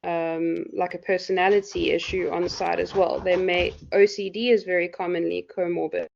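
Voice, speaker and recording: A woman lecturer with a hoarse, croaky voice, explaining loosely with lots of fillers in a live university class. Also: on the low side, flat delivery, normal speed, a little mellow. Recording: dull lo-fi recording.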